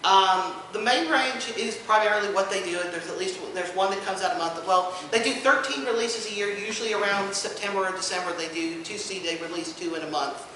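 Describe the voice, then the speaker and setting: Briskly, with few pauses, a man whose voice sits high and sounds bright and forceful explains things drily at a casual convention panel he's hosting. He also co-hosts a podcast. Picked up by a distant mic, the indoor room is echoey with background noise.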